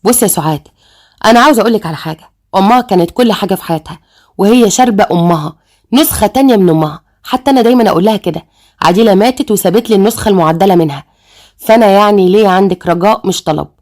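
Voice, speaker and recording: A woman's voice: mid-range voice, very fast, darkish tone, lightly acted. Woman doing a proud Egyptian father. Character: proud middle-aged father, easygoing.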